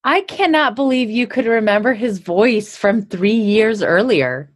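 A woman interviewer asking questions and reacting in lively conversation. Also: fairly high pitch, unhurried, slightly rough, no room sound, clean studio sound.

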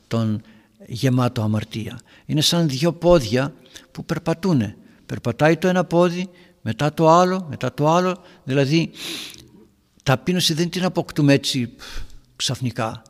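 A man, a priest, giving an earnest homily to young parents, asking and answering his own questions. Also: medium pitch. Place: church. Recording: reverberant church hall.

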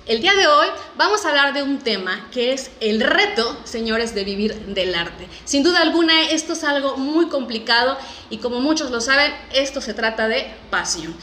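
A Mexican woman hosts a podcast in a chatty, emphatic style. Her voice is bright and forceful and a bit high. It rings in an echoey room. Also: animated, normal speed, a little hiss or hum. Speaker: podcast host. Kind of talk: upbeat presenting and interviewing.

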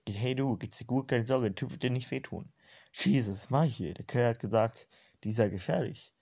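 A man's voice: medium pitch, normal speed, vocal fry, darkish tone. A man voicing a confused, kindhearted young man who has lost his memory, speaking earnestly. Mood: wary. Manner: puzzled, earnest.

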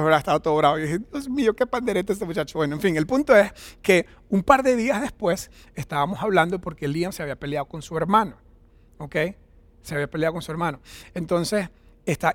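A man's voice: high-pitched, no room sound. Conversational male pastor, dry sound. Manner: conversational, anecdotal, frequent "¿verdad?" tag questions. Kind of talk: sermon.

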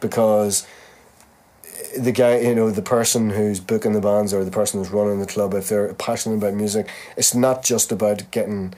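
Middle-aged guy, musician, swears a lot, goes up high when he quotes people, casual chat. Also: steady tone, normal speed, dark tone. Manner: swears freely, acts out quotes with a raised voice. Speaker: touring musician, podcast host.

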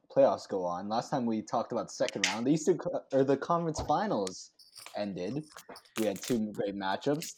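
A young man hosting a casual sports talk podcast, animated and slangy, talking in restarts. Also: medium pitch, a little hiss or hum. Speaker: podcast host.

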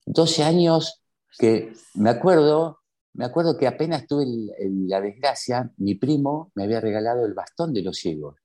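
A man's voice: medium pitch, expressive, moderate pace, dark tone. A man with an Argentine accent, a guest telling his personal story with emphatic rhetorical questions. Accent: Argentine Spanish. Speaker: interview guest.

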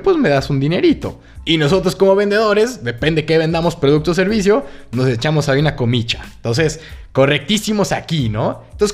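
A man with a Mexican Spanish accent hosting a podcast, coaching on sales in a casual, joking, chummy monologue. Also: a little high.

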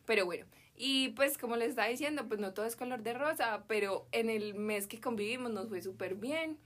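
Young medellin girl spilling a heartbreak story on a podcast, chatty, slangy, kinda high voice. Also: a little fast. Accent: Medellín Colombian Spanish. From Colombia. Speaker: podcast guest. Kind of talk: casual chat.

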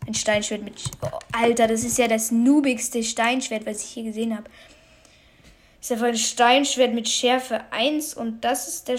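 A woman giving casual commentary on her own video game, excitable, swearing and muttering at what happens on screen. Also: fairly high pitch. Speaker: gamer commentating her play.

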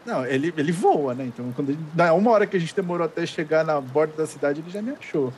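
A man playing a tabletop game, describing his moves in quick run-on phrases. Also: on the high side, expressive, a little mellow, slight background noise. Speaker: player. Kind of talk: casual game chat.

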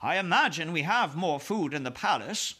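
A man's voice: a little high, animated, normal speed, sharp tone, husky, voice pushed up, exaggerated voice. A man voicing a dignified, gracious Queen from a children's storybook, speaking in a polite, formal, composed manner. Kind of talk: children's storybook read aloud.

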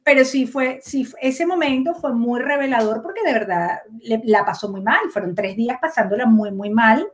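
Animated high-voiced Venezuelan woman. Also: moderate pace, few pauses. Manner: animated, laughs often, acts out quoted dialogue. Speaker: guest, breastfeeding promoter. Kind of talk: casual storytelling interview.

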